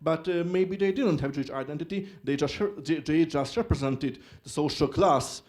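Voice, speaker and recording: A young man from Hungary with a Hungarian accent gives a short stage talk in halting speech with many filler pauses. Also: on the high side, a little mellow. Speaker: student speaker.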